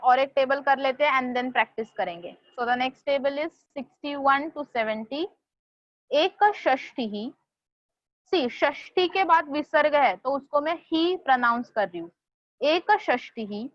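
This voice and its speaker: Slow, deliberate woman tutor. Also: high-pitched, dry recording. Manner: slow, deliberate, spells out pronunciation. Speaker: Sanskrit tutor. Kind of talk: online class lecture mixing Hindi and English. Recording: dull lo-fi sound.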